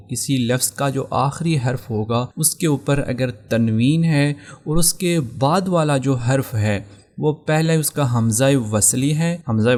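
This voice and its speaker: A man's voice: mid-range voice, darkish tone. A man teaching a Quran recitation rule in a patient lesson with a Pakistani Urdu accent. He goes over each rule again and spells out his examples one by one. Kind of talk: explaining tajweed rules step by step.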